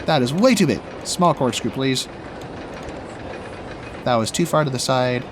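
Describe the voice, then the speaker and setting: In a casual let's play of a theme park builder, a young gaming YouTuber from Washington State talks to himself while building, rambling chattily and laughing often. Being sick has left his mid-range voice rough and a bit raspy; his intonation is lively, his pace measured, and background noise can be heard.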